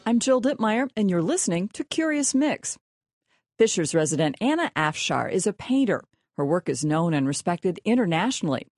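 A woman hosting a radio show and reading a scripted introduction in a lively, polished way. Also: on the low side, moderate pace. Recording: dry studio sound with faint music.

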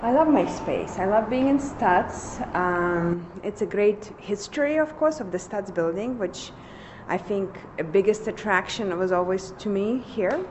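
A middle-aged woman from Lithuania with a Russian accent, talking in a casual interview in a halting way, with many fillers. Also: mid-range voice, expressive, darkish tone. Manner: hesitant, halting phrasing with fillers. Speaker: painter, interview guest. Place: large old building studio. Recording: dull lo-fi sound with faint noise.

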